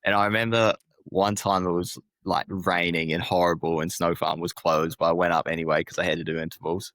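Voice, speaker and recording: A young man with a New Zealand accent and a low, deep voice, chatting as a podcast guest. He tells stories in a laid-back way, swears freely and laughs often. The sound is dry and close, with no room echo. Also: little pitch movement, brisk, fairly bright tone. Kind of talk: casual chat.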